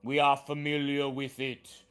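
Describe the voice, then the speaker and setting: A man's voice: medium pitch, monotone, a little slow, a bit bright, clean tone, soft background music, voice pushed up, close to an everyday voice. An ancient talking tree, played by a male game master speaks with grave formality. The grumbling treant takes its time over every pronouncement, solemn and weighty, as in a fantasy tabletop game. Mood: solemn warning.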